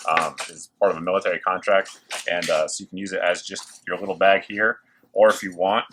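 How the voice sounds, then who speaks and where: A man's voice: low voice, steady tone, fairly quick, sharp tone. A man hosting a gear showcase in a casual, enthusiastic, informal way, with machine noise behind him in a working factory. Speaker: host of a gear review video. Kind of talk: casual product showcase to camera. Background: working machines and clicks.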